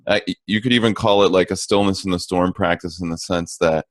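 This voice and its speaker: A man with a very low voice thinks aloud in a relaxed interview, circling back and restarting as he works out his ideas. The sound is dry and close. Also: fairly quick, no room sound. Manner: reflective, with many restarts and fillers. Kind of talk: casual interview chat.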